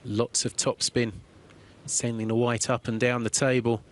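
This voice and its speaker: Calm, measured male billiards commentator. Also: mid-range voice, a little hiss or hum. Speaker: sports commentator. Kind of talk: play-by-play commentary.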